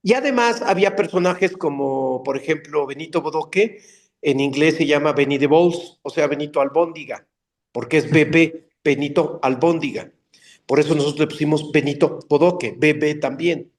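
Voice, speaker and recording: Animated older man telling stories. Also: a little high, normal speed. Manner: animated, slips into character voices mid-story. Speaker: voice actor and dubbing director guest. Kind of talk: casual interview storytelling.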